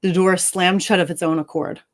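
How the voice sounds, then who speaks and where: A woman author reading her own story aloud and then chatting with her co-host, expressive and upbeat and quick to laugh. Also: fairly low pitch. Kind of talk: dramatic story reading and casual chat.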